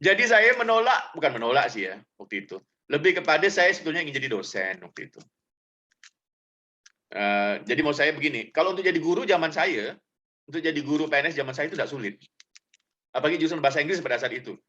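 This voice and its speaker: A middle-aged man tells stories to students in a chatty, loose way, full of fillers and direct asides to his listeners. His voice sits fairly high and sounds bright. It comes through a dull, lo-fi recording. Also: sing-song, fast talker. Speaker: guest speaker. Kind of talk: casual personal storytelling talk to students.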